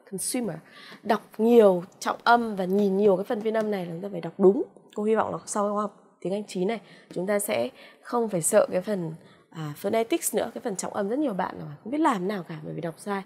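Woman, Vietnamese accent, English teacher; drawn-out word drills, patient coaxing delivery with "ok" fillers. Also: medium pitch, vocal fry, darkish tone, slightly rough. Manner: slow, drawn-out repetition of English words; frequent "ok" and "à" fillers, coaxing "đúng không ạ?". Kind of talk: vocabulary lesson with pronunciation drills.

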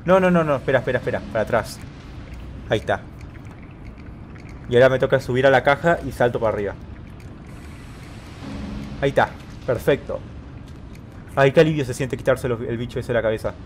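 A man's voice: mid-range voice, fairly quick, long pauses, slight background noise. A man casually commentating his gameplay, talking himself through each move and yelping repeated words when in danger. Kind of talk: casual let's-play commentary.

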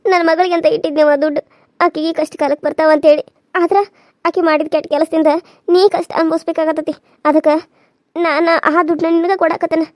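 A woman's voice: very high-pitched, little pitch movement, quick pace, no echo, clean studio sound. A woman voicing an older village aunt, caring and firm, talking steadily and earnestly with a North Karnataka Kannada accent. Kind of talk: cartoon voice acting.

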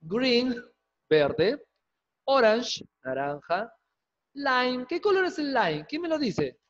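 A man teaching an English class online, lively and coaxing, quizzing students with quick questions and jokes. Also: very high voice. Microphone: video call. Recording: dull lo-fi video call audio.

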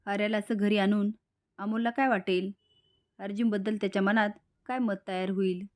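A woman's voice: medium pitch, fairly even intonation, normal speed, lightly acted. A woman voicing a worried, reasoning wife and mother in a serial recap.

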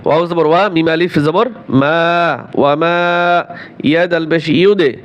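Man, Quran recitation teacher, letter-by-letter drilling, slow chanting, slightly high voice. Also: fairly even intonation. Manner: drills letter by letter, asks learners questions, slow drawn-out chanting. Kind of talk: spelling out and chanting Quranic words.

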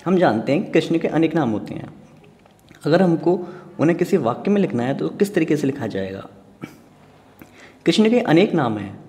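Man, teacher, exam revision lesson, question-and-answer delivery, animated pitch, reverberant hall. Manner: asks questions then answers them.

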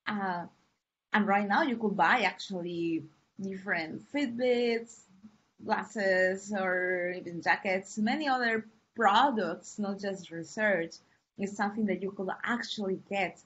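A woman from Peru, a university lecturer, giving an online class in a friendly, unhurried way with fillers and pauses. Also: medium pitch, fairly bright tone, slightly rough. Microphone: computer mic on a video call. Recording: muffled lo-fi call audio.

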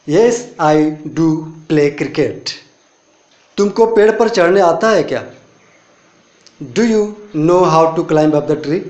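An Indian man teaching English gives a spoken lesson in an echoey room, explaining step by step and asking many rhetorical questions. He voices English example phrases slowly and deliberately, with a higher-pitched but darkish voice.

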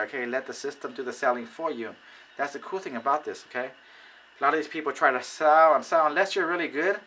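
A man giving casual how-to advice on recruiting people, animated and acting out conversations. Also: mid-range voice, a little hiss or hum, low-quality recording. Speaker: network marketing recruiter. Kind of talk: casual how-to video talk.

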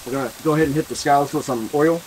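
A man's voice: on the high side, rapid-fire, darkish tone, slight background noise, poor audio. A man in his thirties speaking as a teppanyaki chef, giving casual step-by-step cooking instructions while he works. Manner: step-by-step, explanatory teppanyaki chef talk while working at the griddle. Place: outdoor covered deck by water. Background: music, sizzling griddle, utensils stirring.

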